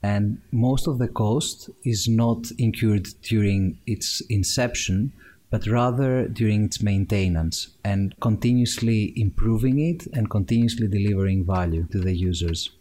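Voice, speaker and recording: A man, explaining his work in a measured way as an interview guest. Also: lowish voice, mellow. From Greece. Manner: measured, explanatory, with frequent fillers and restarts. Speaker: guest, machine learning engineer. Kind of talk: conversational interview answers.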